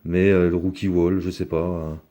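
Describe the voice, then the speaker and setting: Man, deep dark voice, casual unboxing chat, rambling, lots of fillers. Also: little pitch movement, normal speed. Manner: rambling, chatty, many fillers. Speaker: card collector opening a box.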